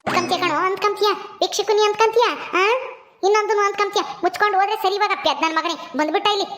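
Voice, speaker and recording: A woman's voice: very high voice, fairly even intonation, rapid-fire, fairly bright tone. A woman playing a bitter older mother thrown out of her home, scolding and quarrelsome, in a comic village skit.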